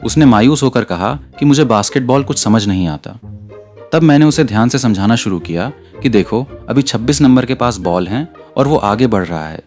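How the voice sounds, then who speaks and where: A man's voice: medium pitch, a little mellow. A man narrating a romantic comic recap in the first person, telling the story steadily and reading the quoted lines with only a light touch.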